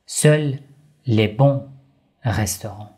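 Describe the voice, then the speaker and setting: Slow gentle man telling a children's story. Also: fairly low pitch. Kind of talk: religious story narration for kids.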